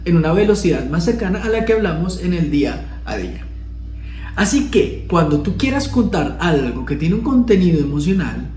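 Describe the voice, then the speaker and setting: A man hosts a video lesson on communication, explaining things casually to the camera and acting out emotional tones of voice as demonstrations. His voice is high and mellow, and the low-quality recording sounds roomy with a slight hiss or hum.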